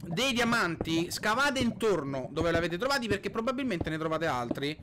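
Lively high-pitched man gaming with a friend. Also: normal speed, crowd noise. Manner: lively, giggly, bossy guiding his friend. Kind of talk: casual Let's Play chat.

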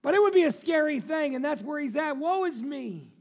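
High-voiced gravelly preacher. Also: male voice, quick pace. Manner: swings between loud emphatic preaching and quiet, low asides; reads scripture aloud and breaks off into joking remarks. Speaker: pastor. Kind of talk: sermon. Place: church sanctuary.

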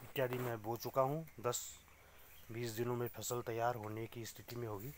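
A middle-aged organic farmer from Uttarakhand, India, gives a casual vlog tour inside his small polyhouse greenhouse, plainly explaining the crops and pointing things out to viewers while filming on a phone held at arm's length. His voice is medium-pitched and level at a normal speed, with a little hiss or hum.

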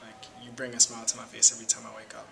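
Young man, gravelly, quick earnest talk. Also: medium pitch, completely flat delivery, crowd noise. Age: young adult. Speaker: graduating senior student. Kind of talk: heartfelt message to camera. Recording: distant mic with noticeable background noise.

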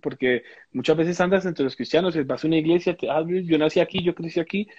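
Guy telling his faith story on a live stream, kinda high voice, stops and restarts a lot, dry muffled sound. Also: steady tone, brisk, darkish tone, slightly rough, no echo. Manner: reflective, searching for words, many restarts. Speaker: interview guest. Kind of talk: casual testimony in a live interview.

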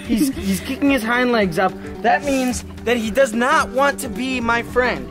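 A young man, a family vlogger, talks excitedly to the camera in a backyard chicken coop. He is playful and animated and keeps calling the viewers guys. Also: very high voice, unhurried. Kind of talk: excited vlog talk to camera. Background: background music.

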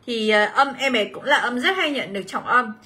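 Her voice is a little high, pushed and bright, with lively intonation and a fairly quick pace. She's a young woman running a chatty English exam review on a livestream, welcoming viewers, reading out their comments and answers, and referring to the class as "mọi người".

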